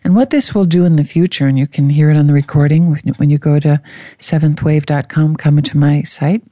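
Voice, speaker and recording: A meditation host with a mellow, dark-toned voice at a middling pitch, recorded close and dry. The delivery is soft and soothing, gently leading listeners through relaxation. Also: fairly even intonation, fairly quick, no room sound. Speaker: host guiding a visualization.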